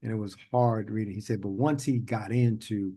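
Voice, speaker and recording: A rambling, talkative storyteller hosts an interview podcast, laughing often as he wanders into extended tales. His voice is lowish, dark and slightly rough, with a steady tone at a moderate pace.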